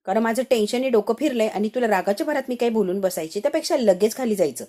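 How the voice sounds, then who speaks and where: A woman's voice: a little high, lively intonation, quick pace. A woman doing a bossy young wife giving orders. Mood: commanding. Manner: sharp, ordering someone out. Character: bossy young wife faking a family quarrel.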